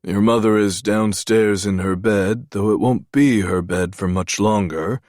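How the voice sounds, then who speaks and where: A man's voice: on the low side, steady tone, unhurried, a little mellow, no echo, clean studio sound, pitched above the performer's own voice, natural voice. A man voicing a smug, greedy and cowardly male doctor in an audiobook, with a sneering, condescending manner. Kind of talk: audiobook narration.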